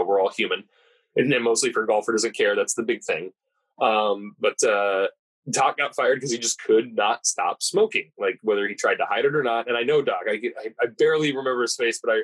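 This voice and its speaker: A man's voice: fairly low pitch, a bit bright, slightly rough, low-quality recording. A man hosting a podcast, chatting casually and telling a digressive golf-caddie anecdote with self-correcting asides.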